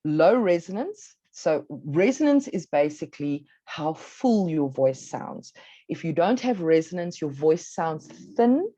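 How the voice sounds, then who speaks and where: A South African woman presents a workshop in a low, mellow voice, measured and instructive, leaning on key words. The sound is dry and close. The audio is dull and lo-fi, like an online talk. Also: big pitch swings, dry recording.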